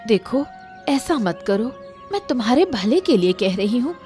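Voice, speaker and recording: A woman's voice: on the high side, sing-song, measured pace, dark tone, soft background music. A woman voicing a caring wife in a cartoon, firm and coaxing. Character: caring firm wife pushing bitter medicine. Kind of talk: animated cartoon dialogue.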